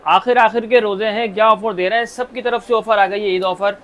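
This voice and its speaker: A high-pitched Pakistani man hosts a casual promotional interview at a quick pace. He feeds short prompts and echoes each price back. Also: fairly even intonation, fairly bright tone. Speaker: video host.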